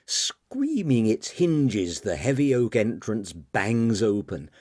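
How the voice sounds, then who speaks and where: A man narrating a novel as an audiobook in a dramatic, expressive reading. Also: lowish voice, slow, dry recording, studio quality. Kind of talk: scripted narration.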